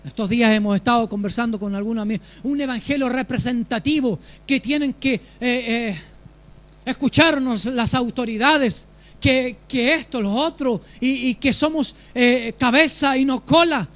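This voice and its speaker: A man's voice: very high-pitched, moderate pace, a bit bright. A pastor preaching a sermon with emphasis and putting questions to his congregation.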